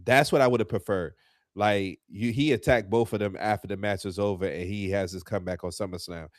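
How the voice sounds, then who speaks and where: A man with a fairly low voice talks through a casual podcast chat, loose and full of slang, with bursts of heated ranting. His voice sits close and dry on the mic, with no room sound around it. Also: a little fast, dry recording. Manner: animated, heated when ranting, lots of fillers and slang. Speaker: podcast co-host.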